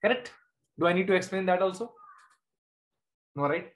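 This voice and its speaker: A man's voice: high-pitched, animated, moderate pace. Casting: male maths teacher, middle-aged, Indian accent, informal live online class, frequent short check-in questions. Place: indoors at a desk, screen-share video class.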